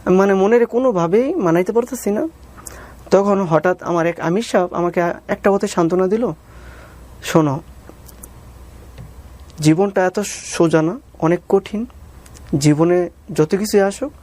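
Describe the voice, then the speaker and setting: As an interview guest, a Bangladeshi-accented man recounts his personal story, reenacting dialogue and respectfully addressing the interviewer as sir. His high-pitched, slightly mellow voice moves at a moderate pace with long pauses.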